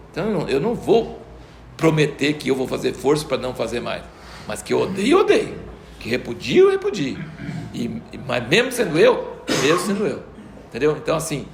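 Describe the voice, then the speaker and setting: An older man teaches a Bible lesson. He tells stories in an animated way and acts out the voices of the people he quotes. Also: fairly high pitch, vocal fry, a little hiss or hum. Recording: roomy echo.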